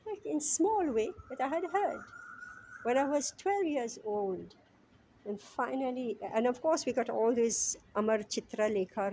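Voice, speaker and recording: A middle-aged woman from Mauritius leads a scripture class in a chatty, conversational way, checking in with her listeners with frequent tag questions. Her voice sits a little high, and she slows right down when she chants verses. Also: dark tone, slight background noise. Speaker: class teacher.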